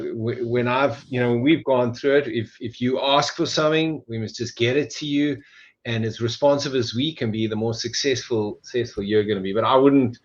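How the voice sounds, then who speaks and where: A man who runs a tech company, a podcast guest talking in a rambling way with many restarts. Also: on the low side. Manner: rambling, full of restarts and "you know". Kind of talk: casual podcast interview. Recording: dull, lo-fi sound.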